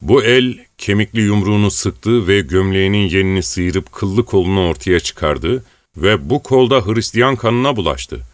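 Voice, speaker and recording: A man reading an audiobook and voicing a rough, boastful male rebel chieftain who blusters and makes threats. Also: on the low side, lively intonation, moderate pace, no room sound, clean studio sound, natural voice.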